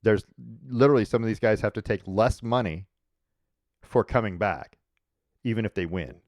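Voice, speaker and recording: A man's voice: lowish voice, normal speed, a little mellow, dry recording, clean studio sound. A man co-hosting a casual sports talk show, blunt and opinionated. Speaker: co-host.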